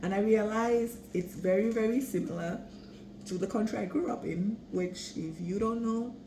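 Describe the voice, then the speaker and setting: A woman's voice: mid-range voice, normal speed, mellow. A young woman from Cameroon giving travel tips in a casual, rambling vlog, often correcting herself. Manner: chatty, rambling, self-correcting. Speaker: travel vlogger. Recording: echoey room with background noise.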